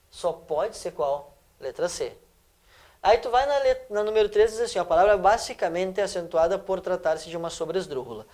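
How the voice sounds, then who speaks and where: A male teacher from Brazil, walking students through exam questions in a lesson and checking in with them often. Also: high voice. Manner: lively, checks in with "tá?" and "perfeito?".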